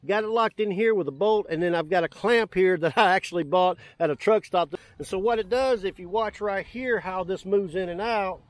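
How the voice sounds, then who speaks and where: Standing on open grass near the water, a middle-aged man presents DIY kayak builds on YouTube in a high-pitched voice at normal speed with few pauses. His outdoor walk-through is casual, folksy and enthusiastic.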